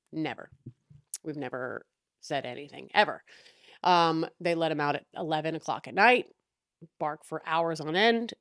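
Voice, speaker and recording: A young woman rants through a casual story with a chatty, exasperated edge, swearing freely. Her voice sits on the low side. The recording is dry and close, with no room sound. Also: no echo. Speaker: podcast host.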